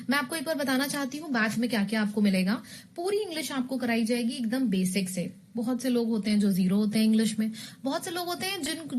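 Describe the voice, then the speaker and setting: A woman's voice: fairly high pitch, slight background noise. A woman teaching English in a recorded online exam-prep lesson. She explains rules with memory tricks and keeps asking her students questions.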